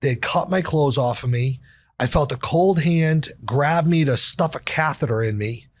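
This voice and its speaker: A man's voice: on the high side, moderate pace. A man talking as a podcast guest, telling a personal story in a blunt, profane, casual way with lots of fillers.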